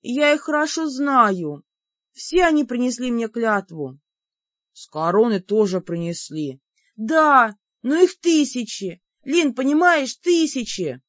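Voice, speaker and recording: A woman voicing an exasperated young heroine with a high, shrill, pleading voice. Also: lively intonation, a little slow, dry recording. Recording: dull lo-fi dry recording.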